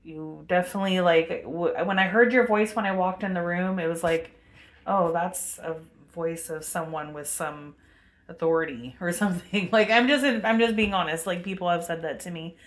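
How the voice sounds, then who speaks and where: Speaking to her camera in a vlog, a woman rambles through a spiritual monologue, meandering with many fillers and pauses. Her voice is commanding and on the low side, recorded on a webcam.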